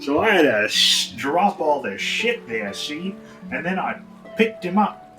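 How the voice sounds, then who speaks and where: A man's voice: mid-range voice, animated, a little fast, recorded from a distance, soft background music, close to an everyday voice, rough recording. Man putting on a swaggering foul-mouthed rogue. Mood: boastful. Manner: rambling, profane, laughing through it. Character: brash swearing male rogue with a drifting accent. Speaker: player. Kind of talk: in-character tabletop role-play.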